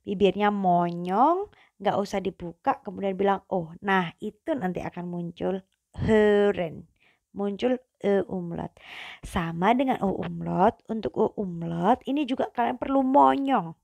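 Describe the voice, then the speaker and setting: A young woman teaching German pronunciation in a slow, patient lesson, drawing out each sound. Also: mid-range voice, gravelly, a little mellow, dry recording. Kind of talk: classroom-style video lesson.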